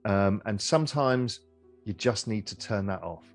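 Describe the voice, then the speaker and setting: A middle-aged man answering as an interview guest in a relaxed conversational way, with frequent repeats and restarts. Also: on the low side, unhurried, faint music behind.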